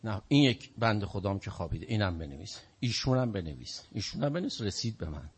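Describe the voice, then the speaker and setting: A male preacher with a husky voice telling religious stories in a sermon, shifting between hushed narration and loud emphasis. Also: fairly low pitch, animated. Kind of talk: sermon storytelling.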